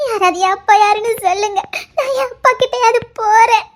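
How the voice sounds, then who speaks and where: A woman's voice: extremely high pitch, fairly quick. A woman voicing a heartbroken, orphaned young woman who wails tearfully, with a Tirunelveli Tamil accent. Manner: tearful, wailing.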